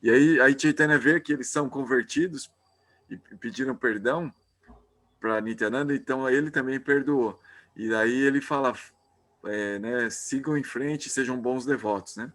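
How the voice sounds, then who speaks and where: A man's voice: mid-range voice, normal speed, fairly bright tone. Man retelling a devotional story. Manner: informal, hesitant, with frequent restarts. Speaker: devotional class speaker.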